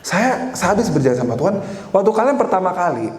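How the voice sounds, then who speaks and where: A man in his twenties preaches with a high-sitting, slightly mellow voice, very animated and at a quick pace. His conversational sermon centers on a personal story, and he often turns to address the congregation. Echo and faint noise fill the church hall recording.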